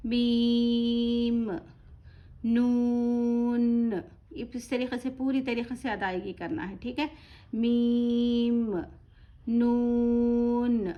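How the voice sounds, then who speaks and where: A woman teaching Quran reading, slowly drawing out each letter name and then explaining softly and quickly in between. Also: a little high. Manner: slow, drawn-out letter names, then quick soft explanations. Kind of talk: online lesson, letter-by-letter drilling. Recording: dull lo-fi audio.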